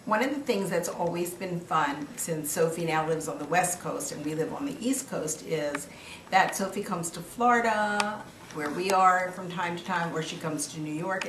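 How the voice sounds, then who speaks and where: A sweet older woman talks affectionately, like a grandmother going through family snapshots. Her pace is very slow and her pitch a little low. The room is echoey, with clear noise behind her. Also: fairly bright tone. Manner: sweet, affectionate old-lady way of talking. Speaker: grandmother narrating family photos. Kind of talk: casual reminiscing over photos.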